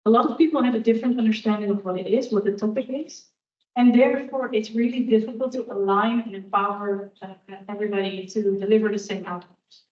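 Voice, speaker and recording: A woman's voice: fairly high pitch, a little mellow. Candid woman speaker in an echoey hall. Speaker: guest speaker. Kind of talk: answering audience questions after a talk. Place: university lecture hall. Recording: echoey hall, distant dull room mic.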